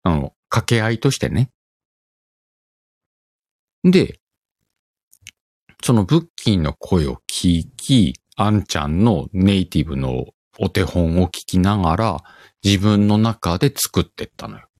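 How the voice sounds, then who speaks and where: A middle-aged man with a Kansai accent hosts a casual solo chat. His voice sits very low, yet he swings it up and down as he rambles through an animated story. The recording is close and dry, with no room sound. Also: measured pace, long pauses, dry recording. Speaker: podcast host.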